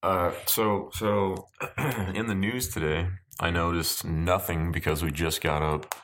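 Low, stuffed-up nasal man. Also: fairly even intonation, unhurried, fairly bright tone. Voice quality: stuffed-up, nasal voice from a deviated septum. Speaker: podcast host. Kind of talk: casual podcast chat. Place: at home in an apartment.

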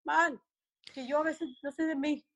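A woman's voice: high-pitched, steady tone, measured pace. A middle-aged woman, a mother telling a radio interviewer in anguish about her missing daughter and acting out their conversations. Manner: anguished, recounts dialogue with quoted voices. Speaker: mother of a missing soldier, guest.

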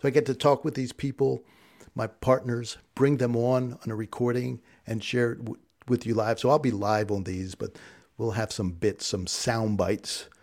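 A man's voice: medium pitch, fairly even intonation, moderate pace, a little mellow. A man hosting a podcast, talking solo in a fired-up, preachy way that rallies listeners to say lines back with him. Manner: preachy call-and-response rallying. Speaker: podcast host.

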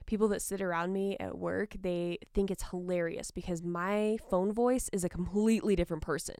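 A woman chatting casually as a podcast co-host, in a soft, sultry voice with vocal fry and a frank, unbubbly manner. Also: lowish voice, fairly even intonation, brisk, no echo, studio quality. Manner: frank, not bubbly. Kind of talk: casual chat.

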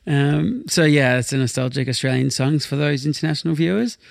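A man's voice: a little high, lively intonation, fairly quick, creaky, dry recording, clean studio sound. A man hosting a music podcast in a casual, slangy chat style, swearing freely. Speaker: podcast host.

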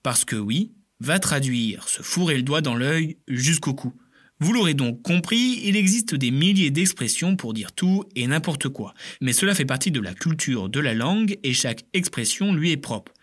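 A man's voice: on the high side, lively intonation, normal speed. A man giving scripted comedic narration in a playful, mock-serious way, full of self-mocking asides.

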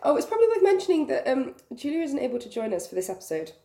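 A woman hosting a casual podcast, her voice croaky and creaky from being ill. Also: high voice, huge pitch swings, racing, dark tone. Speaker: podcast host. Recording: roomy echo.

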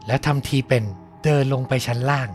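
A man telling a horror story on a podcast in a measured voice that sinks low and hushed at the tense parts. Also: fairly even intonation, faint music behind. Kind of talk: scripted horror narration.

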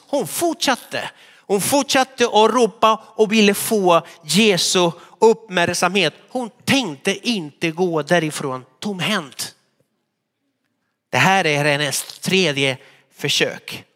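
A long church reverb hangs behind a male pastor as he preaches in a high, bright voice, narrating stories with energy and at times performing the figures in them.

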